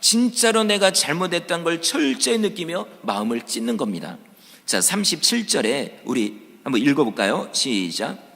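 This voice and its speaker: A pastor gives a Sunday sermon, his voice rising and falling dramatically as he plays out crowd voices from the story. He speaks in a somewhat high register for a man. The sound carries a long church-hall reverb. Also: normal speed, creaky. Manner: animated preaching, acts out crowd voices. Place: church sanctuary.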